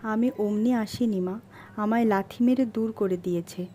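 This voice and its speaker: A woman's voice: mid-range voice, normal speed, mellow, slight background noise, lightly acted. A woman voicing a young wife cast out of her home in an audiobook, speaking in a heavy, tearful, pleading voice. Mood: sobbing. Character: young wife driven from home, grieving, desperate. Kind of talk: audiobook character voice.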